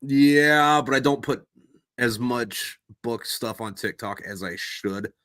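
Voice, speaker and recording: A man's voice: mid-range voice, slow, fairly bright tone, no room sound. Man hosting, close dry sound. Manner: stammering word repetitions. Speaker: podcast host. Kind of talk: casual chat.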